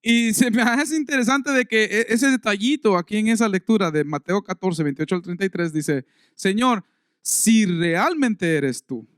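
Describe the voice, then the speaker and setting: A pastor preaching a conversational sermon in a church service, reading scripture aloud with rising emphasis. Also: male voice, high voice, expressive, normal speed, a bit bright, clean tone, dry recording, clean studio sound.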